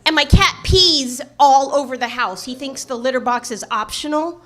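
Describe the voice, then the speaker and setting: A woman's voice: sits high, moderate pace, a bit bright. A woman telling stand-up jokes in short setups, quoted exchanges and punchlines. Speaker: stand-up comedian. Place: live comedy stage.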